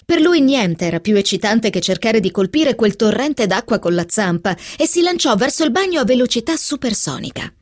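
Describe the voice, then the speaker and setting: A woman's voice: a little high, very animated, fairly quick, hardly any pauses, no echo, clean studio sound. A woman reading a novel aloud on radio, voicing the dialogue expressively. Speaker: reader.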